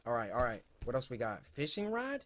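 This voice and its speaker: A young man giving let's play commentary as a gaming YouTuber, excitable, yelping and shouting at scares, then muttering to himself. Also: medium pitch, fairly quick, background noise.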